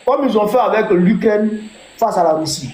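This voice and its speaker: A man hosting a political discussion, restating his guest's points in a deliberate, emphatic way. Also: sits high, animated, a loud crowd. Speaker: host. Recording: roomy echo, faint ambient noise.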